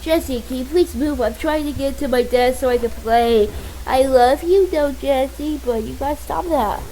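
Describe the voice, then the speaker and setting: A teenage high-school girl sits at a desk at home, giving casual gameplay reactions and reading along. Her voice is high and mellow, at a moderate pace. The home recording is noisy, with a dog barking and game audio in the background.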